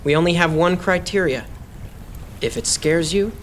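A man's voice: fairly high pitch, normal speed, natural voice. Young man as an earnest teenage boy, faint noise. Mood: hesitant, sincere. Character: earnest, reassuring teenage boy, new to the city.

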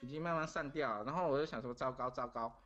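A man's voice: mid-range voice, fast talker, a bit bright, lo-fi sound, faint music behind. Middle-aged man. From Taiwan. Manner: earnest, repeats phrases while recounting events. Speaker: guest. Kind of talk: casual storytelling.

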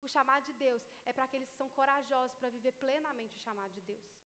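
A woman with a high voice preaching a sermon at a church service. She speaks in a relaxed, joking, conversational way. Her voice carries a long reverb from the large hall around her. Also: fast, a little hiss or hum.

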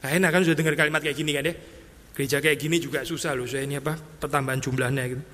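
Man, pastor, chatty sermon with English asides, slightly high, echoey church hall. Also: level tone, racing, fairly bright tone. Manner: conversational, mixes English phrases, acts out exasperated voices. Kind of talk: expository sermon. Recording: long hall reverb.

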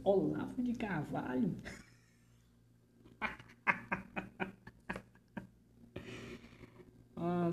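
A woman's voice: lowish voice, mellow, a little hiss or hum. A woman playing a frightened male artist under interrogation, who stammers nervously and slips into whispers in a theatrical monologue. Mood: wry.

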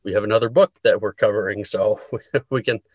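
A man's voice: lowish voice, fairly even intonation, fast talker, a little mellow. A man co-hosting a book podcast, talking casually and hesitantly with many ums and restarts. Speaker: podcast co-host. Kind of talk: casual chat. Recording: dull, lo-fi, dry sound.

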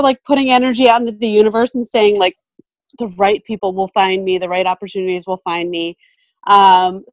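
A woman in her thirties talking through her work in a relaxed interview, pausing often with ums and starting sentences over. Her voice sits in an ordinary middle range. The recording is close and dry, with little room sound. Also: mid-range voice, no echo. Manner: thoughtful, many fillers and restarts. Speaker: photographer and mentor, podcast guest. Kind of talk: casual interview chat.

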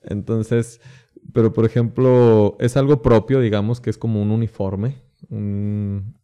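A man who is a priest, speaking as a podcast guest in casual chat, relaxed and laughing often. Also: lowish voice, measured pace, clear, resonant tone, muffled recording.

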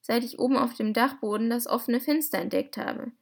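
A woman voicing a small, excitable bald male inventor who talks in an effusive, polite way. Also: on the high side, brisk, vocal fry. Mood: overjoyed.

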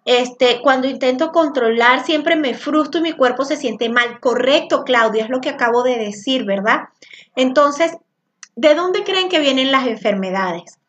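A high-voiced woman with a Venezuelan accent teaches a group over a video call, her speech quick, loud and tumbling ahead of itself. The call audio is muffled and lo-fi. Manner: fast, rushed, loud talker. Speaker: spiritual workshop teacher.

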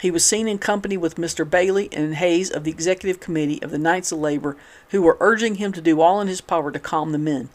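A man with a fairly high voice reads a nineteenth-century newspaper report aloud. He keeps a steady, measured pace through the long sentences and sometimes restarts a word. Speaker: reader of a historical newspaper. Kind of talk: reading a newspaper article aloud.

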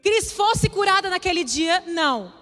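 A woman's voice: very high voice, lively intonation, a little slow. A woman preaching a sermon, sharing a personal testimony with emotional, emphatic repetition. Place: church hall. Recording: reverberant hall with soft music.

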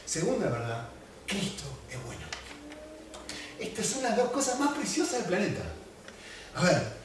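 A man with a Rioplatense Spanish accent preaching a sermon as pastor, swinging between loud emphasis and soft asides. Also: high voice, sing-song, normal speed. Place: church hall. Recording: echoey hall from far off, faint noise.

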